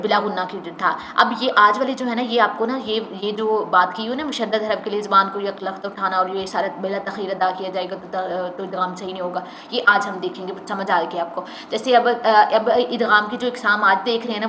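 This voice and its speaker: A woman teaching a Quran recitation lesson, explaining the rules and slowly modelling the recited words again and again. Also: medium pitch, pushed and bright. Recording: echoey room with faint noise.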